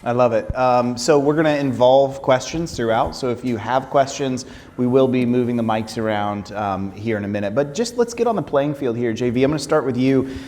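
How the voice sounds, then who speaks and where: A man's voice: medium pitch, animated, a little fast, a little mellow. An enthusiastic man hosts a conference panel, talking to the crowd in an upbeat, conversational way. His voice carries a long reverb from a big hall. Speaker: panel moderator.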